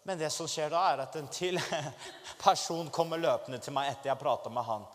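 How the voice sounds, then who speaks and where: Delivering a testimony before a congregation, a man recounts his story with animation, building to fervent exclamations. His voice leans high, and a long hall reverb fills the recording.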